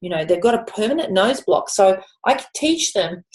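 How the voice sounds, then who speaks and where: A woman voice coach in an interview, explaining voice technique with lively demonstrations. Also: mid-range voice, normal speed. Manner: animated teacher, drops into vocal demonstrations.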